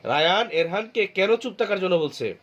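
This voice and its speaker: A man with a Bangladeshi Bengali accent teaching a class, slowly repeating words and asking students questions. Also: sits high, animated, fairly bright tone, muffled recording. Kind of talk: class lecture.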